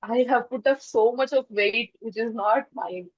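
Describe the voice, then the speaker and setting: Woman participant, earnest and halting, higher voice, dry lo-fi call audio. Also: no room sound. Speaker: workshop participant. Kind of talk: emotional personal sharing.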